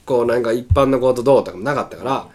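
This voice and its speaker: A man with a Kansai accent telling funny stories in casual chat as a radio host, animated and laughing often. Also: mid-range voice, fast. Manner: animated storyteller, bursts into laughter.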